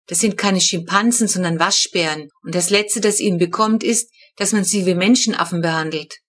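A woman's voice: lowish voice, normal speed, close to an everyday voice. A woman voicing a matter-of-fact boy who sets others straight.

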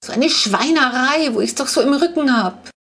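A woman voicing a shrill, easily upset old neighbor woman in an audiobook, shrieking and wailing. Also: animated, normal speed, a bit bright, full character voice. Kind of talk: audiobook character voice.

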